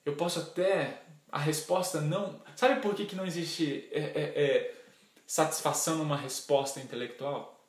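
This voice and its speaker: A man's voice: on the high side, fairly even intonation, moderate pace. A man preaching a sermon, earnest and full of questions to his listeners. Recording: echoey room.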